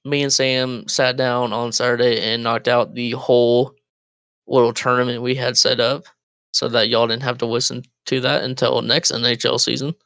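A man's voice: mid-range voice, flat delivery, moderate pace, vocal fry, fairly bright tone, dry recording. A young man co-hosting a casual podcast over a voice call, joking loosely and laughing often. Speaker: podcast co-host. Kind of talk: casual chat. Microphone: Discord voice call.

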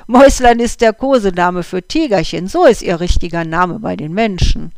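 A storyteller voicing Oskar, a calm and experienced male house cat who explains things patiently, in a dry recording. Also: medium pitch, moderate pace, clear, resonant tone, no room sound, close to an everyday voice.

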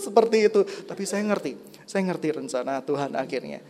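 A preacher from Kediri in East Java gives a sermon, swinging between loud, excited exclamations and soft, low passages and often calling the congregation brothers and sisters. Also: brisk. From Kediri, East Java, Indonesia.

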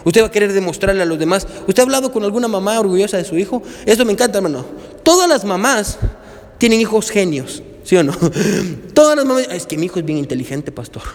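Preacher, high voice, animated, questions the congregation, long church reverb. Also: male voice, quick pace. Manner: animated, asks the congregation questions, repeats "hermano" and "amén". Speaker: pastor. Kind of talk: sermon.

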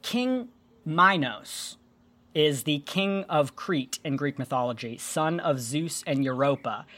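A woman hosting a casual podcast, explaining myths and folklore in an animated, joking way with some swearing. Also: low voice, slow. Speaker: podcast host.

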